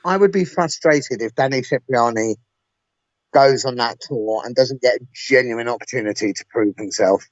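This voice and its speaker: Bloke, emphatic podcast chat, stutters a bit at starts, dry dull sound. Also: male voice, mid-range voice, moderate pace, dry recording. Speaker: podcast co-host. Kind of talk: casual chat.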